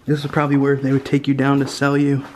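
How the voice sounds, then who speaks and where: A man exploring an abandoned building basement, giving hushed, wide-eyed commentary to a handheld camera. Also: medium pitch, completely flat delivery, quick pace. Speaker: urban explorer. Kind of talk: casual exploring chat. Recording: echoey room, loud noise.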